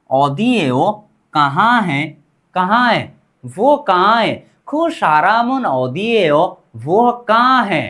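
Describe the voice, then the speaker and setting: A woman teaching a grammar lesson, repeating each word slowly and quizzing the learners as she goes. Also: medium pitch, fairly bright tone. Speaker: language teacher.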